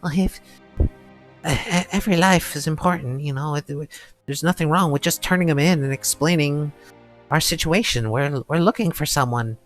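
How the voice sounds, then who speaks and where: A man's voice: a little high, normal speed, fairly bright tone, soft background music, pitched above the performer's own voice, lightly acted. A man voicing an earnest, kind-hearted adventurer companion who stumbles over his words as he pleads.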